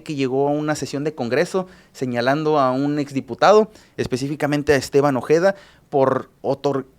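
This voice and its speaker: As a journalist guest on a radio news show, a man recaps cases in a Mexican Spanish accent, his voice sitting a little high for a man. His delivery is halting: he pauses frequently with filler sounds and starts his sentences over.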